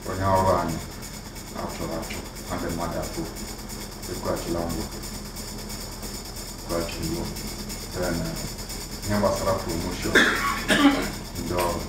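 Deep-voiced Nigerian man in an echoey office. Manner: mixes Igbo with English. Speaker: acting college provost. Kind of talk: informal report to visiting chiefs. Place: office room. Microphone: far camera. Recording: echoey room from far off, noisy.

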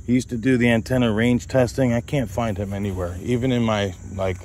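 This vlogger, speaking fairly quickly in a steady, slightly mellow mid-range voice, wanders through his thoughts as he tries handheld radios with brief test calls in a grassy field near the woods. He talks to his dog now and then, with a little noise behind him.

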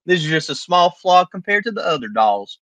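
Man doing an eager, lively boy doll over noise. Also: high-pitched, brisk. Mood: cheerful, chummy. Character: eager magical boy doll, a devoted best friend. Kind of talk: reading game dialogue aloud, jokey. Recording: clearly noisy microphone with clicks.

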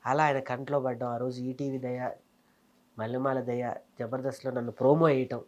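A man in his thirties from Telangana, a comedian and mimicry artist, telling his career story in a casual interview with fast, animated delivery. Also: medium pitch. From Telangana, India.

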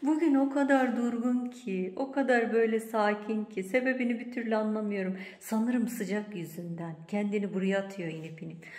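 A woman hosting a casual home vlog, talking to viewers and her daughter in an animated, exclamatory way, with a playful scolding tone. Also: mid-range voice, moderate pace, hardly any pauses. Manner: switches to a cooing baby voice for the cat. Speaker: vlog host and mother. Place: home indoors.

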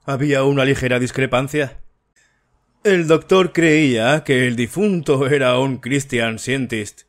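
A man narrating an audiobook, voicing a fussy, sharp-eyed older detective in a dry, precise, lightly lecturing manner. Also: mid-range voice, measured pace, natural voice. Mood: explaining.

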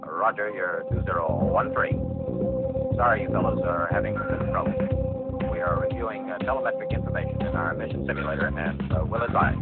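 A calm mission controller comes through a crackly, narrow space radio channel. His voice sits very low, with gravelly fry and lively pitch. He speaks in a measured, procedural way with hesitant fillers, and loud music plays underneath. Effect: crackly space radio transmission. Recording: phone-like radio band over loud music.

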